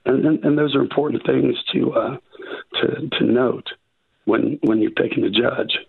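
A mid-range, raspy-voiced man from Arkansas, a judicial candidate, joins by phone with his voice still rough after covid. He speaks haltingly, with many restarts and fillers.

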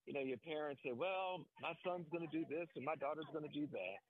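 A man's voice: a little high, brisk. A middle-aged man calling in over the phone to a talk show, courteous and reflective as he asks his question. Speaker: caller. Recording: tinny phone line.

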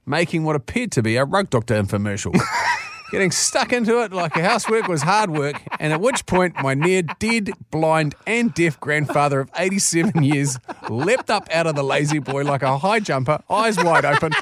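A man's voice: a little high, expressive, moderate pace, few pauses, a bit bright. A man with a New Zealand accent hosting a radio show, reading out listener messages and bantering in a jokey, blokey, colloquial way.

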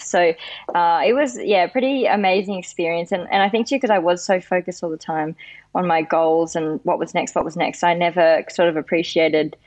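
A young Australian woman with a lowish voice answers questions modestly. She laughs often between answers and talks in a soft casual way. The sound is dry and close. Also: no echo. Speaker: guest athlete.

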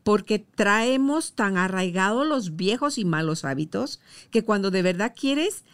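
A woman's voice: mid-range voice, expressive, a little slow, clean tone. A woman hosting a podcast, chatting and affirming her guest with short murmurs. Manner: friendly, affirming with short "ujú". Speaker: podcast host. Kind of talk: casual chat.

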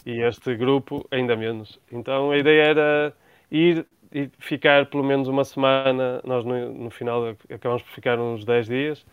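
The audio is narrow and tinny but dry as a man of medium pitch talks at a moderate pace, smooth and steady. A thirtysomething Portuguese traveler with a European Portuguese accent, he is an interview guest who answers with care and keeps restarting phrases.

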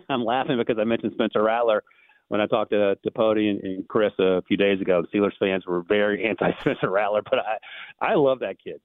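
A deep-voiced man talks quickly over a tinny phone line, breaking down prospects as a guest analyst. He often stumbles and repeats a word before pushing on. The sound is dry and narrow. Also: dry recording. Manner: fast, rambling, repeats words when restarting. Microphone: phone call.

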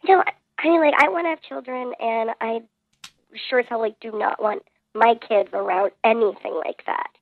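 A woman in her thirties calls in to a radio show with her voice run through a voice changer, talking in a hesitant, halting way. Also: fairly high pitch, vocal fry, dry recording. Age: 30s. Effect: voice changer disguising her voice. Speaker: caller. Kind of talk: radio call-in. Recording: tinny phone line.

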